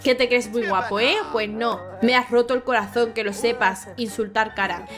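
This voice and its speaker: An indignant, heartbroken young man scolds the pair who betrayed him, as a woman voices him in her own fairly high voice. Game music plays clearly underneath. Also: fairly even intonation, normal speed, close to an everyday voice. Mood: hurt scolding.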